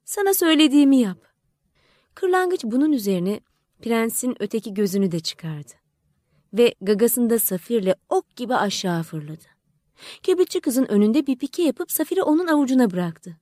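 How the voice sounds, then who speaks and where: A woman narrating a fairy tale audiobook in a measured, expressive storytelling manner. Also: fairly high pitch, no room sound, clean studio sound. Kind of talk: scripted narration.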